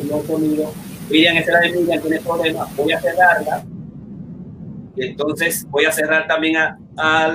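Man, bright higher voice, slow deliberate host reading poetry on a video call. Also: slight background noise. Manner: slow, deliberate, emphatic reading with sighing exclamations. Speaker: host of online masterclass. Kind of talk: hosting, sound checks and poetry reading.

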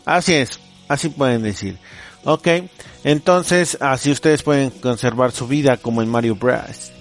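A Mexican man hosts a relaxed joke-telling podcast for his students. His voice sits at an ordinary middle pitch, and his delivery is playful and loose, full of slang and little chuckles. Faint music plays underneath him. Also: unhurried. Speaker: teacher and podcast host.

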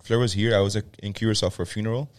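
A man's voice: lowish voice, steady tone, rapid-fire, no room sound. A young man, a gym co-founder, telling a loose, swearing story in a casual podcast chat.

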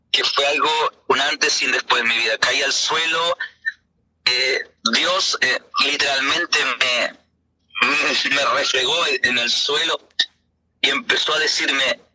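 A middle-aged man, a pastor, telling his personal faith testimony in an earnest, halting way with many hesitations. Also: on the high side, pushed and bright, husky, rough recording.

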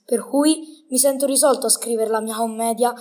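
A woman's voice: a little high, moderate pace, warm tone, natural voice. A woman playing a learned, proud medieval male poet in a scripted radio interview, speaking in a formal, didactic way. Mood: courteous, formal. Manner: formal, didactic, bookish phrasing.

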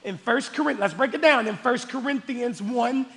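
A male pastor with a very high, gravelly voice delivers an expressive sermon, jumping from shouts to hushed lines. His tone is bright and forceful, and his words ring with the long reverb of a church hall. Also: moderate pace. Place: church sanctuary.

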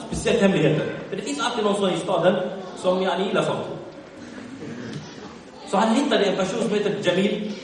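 A man telling an Islamic history story as a sermon, acting out the quotes with loud and soft swings and mixing Arabic phrases into his Swedish. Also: high voice, a little hiss or hum. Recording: echoey hall, voice from far off.

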